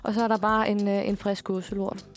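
A young woman in her twenties, co-hosting a podcast and telling a story in a casual, animated way with lots of fillers and laughs. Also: medium pitch, soft background music. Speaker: podcast co-host.

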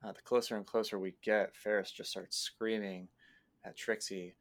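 A man who plays in a tabletop game, casually retelling a session in an unhurried, meandering way. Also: lowish voice, level tone, fairly bright tone. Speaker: player. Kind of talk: casual storytelling recap.

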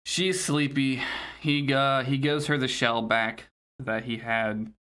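A man talks casually as a podcast host, retelling a story with sardonic complaints and swearing. His mid-pitched voice is bright and forceful. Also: fairly even intonation, takes it slowly. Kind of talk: casual recap chat.

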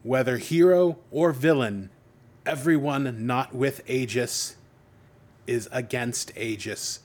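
A man voicing a shadowy masked male rebel leader speaking through a distorted broadcast, slow and commanding. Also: mid-range voice. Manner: slow, grand, commanding speech.

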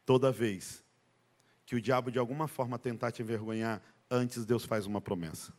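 A middle-aged man preaching a sermon at a church service, emphatic and calling out to the congregation, dropping to a hush and then rising high and loud. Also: steady tone, moderate pace. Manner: emphatic, call-and-response with the congregation; swings from hushed to loud, rising high when retelling a story. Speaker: pastor.

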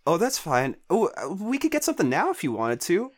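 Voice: mid-range voice, huge pitch swings, a little fast. A player doing a flustered, rambling bird. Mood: awkward, nervous. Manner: hesitant, rambling, many fillers. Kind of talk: playing a character in a tabletop game.

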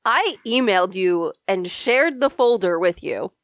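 A woman's voice: mid-range voice, animated, measured pace, dry recording, clean studio sound. A young woman co-hosting a podcast in casual, bantering chat while her throat is sore. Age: young adult. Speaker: podcast co-host.

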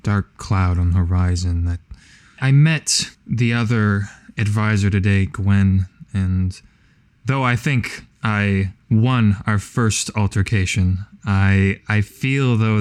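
A man's voice: lowish voice, darkish tone, no room sound, clean studio sound. A man voicing a formal, self-serious teenage girl who advises a campaign and speaks in grand, hesitant phrases. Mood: grave.

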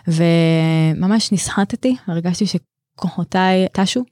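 A middle-aged woman teacher telling a classroom story in conversation, earnest and thoughtful, often restarting her sentences and laughing softly. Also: on the low side, no echo, clean studio sound. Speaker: teacher, podcast guest.

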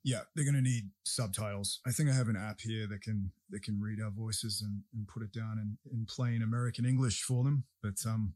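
A man's voice: lowish voice, fairly even intonation, a little fast, few pauses, darkish tone, no echo. A man hosting a podcast, talking casually in a blunt, opinionated way. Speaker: podcast host and breathwork practitioner. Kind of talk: casual conversational talk.

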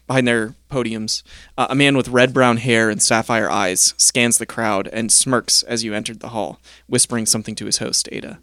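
A man's voice: medium pitch, steady tone, normal speed, pushed and bright, dry recording, clean studio sound. A man acting as game master, narrating casually with hesitant, improvised phrasing.

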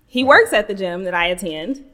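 A woman guest telling a story in casual chat, animated and quick to laugh. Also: mid-range voice.

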